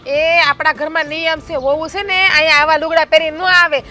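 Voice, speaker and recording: A high, bright-voiced village elder sister-in-law, played by a woman, scolds bluntly. She is quarrelsome and strict, with light music behind her in this family drama. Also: steady tone, moderate pace. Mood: scolding.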